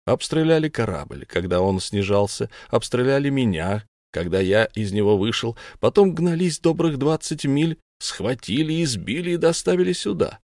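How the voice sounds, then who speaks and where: A man voicing a stubborn human prisoner who answers his captors in a flat, terse way, in an audiobook. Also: medium pitch, moderate pace, hardly any pauses, no echo, studio quality, voice pushed up, close to an everyday voice. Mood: curt. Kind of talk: audiobook character voice.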